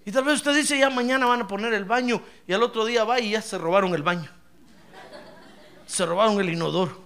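A middle-aged man preaching a sermon as pastor, telling stories and calling his listener brother, swinging from hushed asides to loud praise. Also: sits high, fairly quick. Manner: animated storytelling, addresses listener as brother, swings from hushed to shouting. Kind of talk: sermon with anecdotes.

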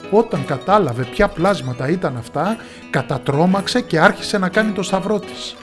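A man telling a folk tale in lively, expressive scripted narration. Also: high-pitched, music in the background.

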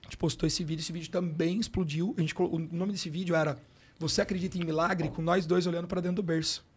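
A middle-aged sports coach with a Brazilian Portuguese accent, appearing as a podcast guest, tells an emotional personal story in casual, slangy chat. His fairly high voice is fast and fairly even, with a breathy edge.

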